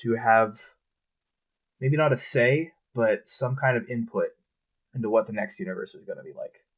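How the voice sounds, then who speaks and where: A man co-hosting a podcast in casual chat, relaxed and swearing freely. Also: medium pitch, moderate pace. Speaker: podcast co-host.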